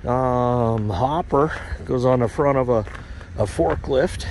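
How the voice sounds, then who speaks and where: A man's voice: mid-range voice, takes it slowly, slight background noise. A man giving a casual, rambling walk-around commentary outdoors at a snowy equipment auction lot, talking into a handheld camera. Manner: relaxed, rambling, uses fillers. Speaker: farm equipment vlogger.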